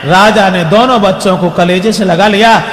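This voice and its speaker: A man's voice: high voice, normal speed, a bit bright. A man telling a folk tale as a storyteller, moving between declaimed speech and song, heard on an old worn tape recording. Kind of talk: sung and spoken folk tale narration. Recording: old echoey hall recording with music. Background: music.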